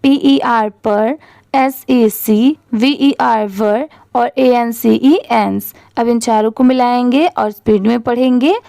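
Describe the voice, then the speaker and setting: A woman with a fairly high voice leads an English reading lesson. She spells each word out letter by letter and then reads it very slowly and deliberately. The sound is dry and close. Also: fairly even intonation, gravelly, warm tone, no room sound. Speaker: English teacher.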